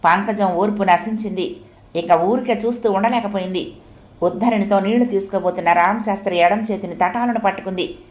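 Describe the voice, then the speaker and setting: Woman narrating an audiobook story, steady and expressive, echoey room. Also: medium pitch, brisk.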